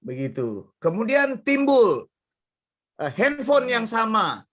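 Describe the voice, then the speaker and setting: A male pastor delivering a sermon with a high-pitched voice. He preaches in a lively, chatty storytelling manner, chuckling as he goes and speaking straight to his listeners. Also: takes it slowly.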